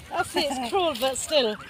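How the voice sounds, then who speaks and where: A woman chatting casually and cooing to young animals in an affectionate, playful way, often repeating words. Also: very high voice. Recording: very noisy outdoor recording with birds honking.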